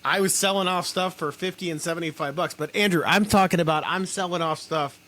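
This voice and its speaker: A man's voice: sits high, fairly even intonation, a little fast, pushed and bright. A man hosting an interview, chatting loosely with lots of fillers. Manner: loose and chatty, many "you know" fillers. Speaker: host. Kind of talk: casual interview chat.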